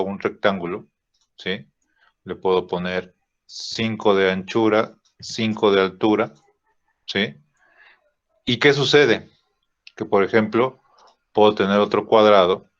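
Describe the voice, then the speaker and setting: A man teaching a drawing software lesson, thinking aloud with fillers and checking in with "¿sí?" after each step. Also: on the low side. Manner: slow, checks in with frequent "¿sí?" and "¿no?"; thinks aloud with "este" fillers while clicking. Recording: dull lo-fi recording.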